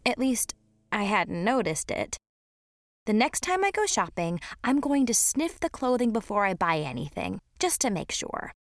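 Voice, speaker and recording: Animated woman narrating a diary. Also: a little high, moderate pace, no room sound. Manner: sarcastic, dramatic teen diary voice. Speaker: audiobook narrator. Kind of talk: first-person diary narration.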